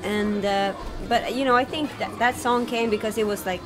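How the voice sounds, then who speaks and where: A woman from Sweden, a guest singer, answering interview questions in a soft, hesitant, thoughtful way, a little jet-lagged. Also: fairly high pitch, fairly even intonation, normal speed, music in the background.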